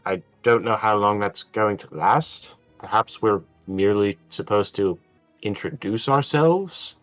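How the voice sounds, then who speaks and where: A man's voice: fairly low pitch, measured pace, a bit bright, dry recording, faint music behind. A man doing a formal British adventurer. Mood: calm. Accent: British (put on). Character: calm, formal adult male adventurer.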